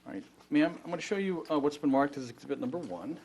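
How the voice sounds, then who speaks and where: A man's voice: fairly high pitch, lively intonation, fast, darkish tone, husky. A man questioning as an attorney in a formal deposition, polite, methodical and procedural. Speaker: plaintiff's attorney questioning a witness. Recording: faint room noise.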